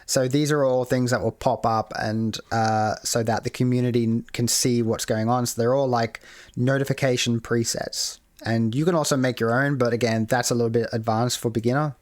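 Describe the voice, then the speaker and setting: A man's voice: mid-range voice, fairly even intonation, moderate pace, no room sound. Rambling man with hesitant fillers. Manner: rambling, many fillers and restarts. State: hiccuping. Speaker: game modding tutorial host. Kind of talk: casual screen-share tutorial.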